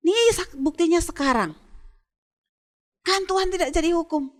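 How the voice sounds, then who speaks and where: A woman's voice: very high-pitched, normal speed, pitched above the performer's own voice. A woman playing Jonah, a sulking angry prophet. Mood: complaining. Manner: whiny, complaining, begging to die.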